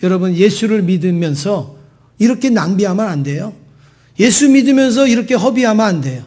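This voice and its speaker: A man's voice: sits high, animated, brisk, darkish tone. A male pastor preaching a Sunday sermon in a conversational way, often asking the congregation questions. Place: church sanctuary.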